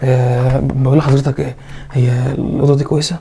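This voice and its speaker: Stammering young Egyptian husband. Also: male voice, mid-range voice, level tone, quick pace, vocal fry, warm tone, a little hiss or hum. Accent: Egyptian Arabic. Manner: stammering, hesitant, pleading. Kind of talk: comedy sketch acting.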